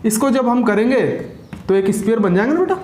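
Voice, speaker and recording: A man's voice: very high voice, animated, a little fast, darkish tone, reverberant, slight background noise. A man teaching a school science lecture, who keeps asking questions, repeats the answers and calls his students "beta". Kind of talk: classroom lecture.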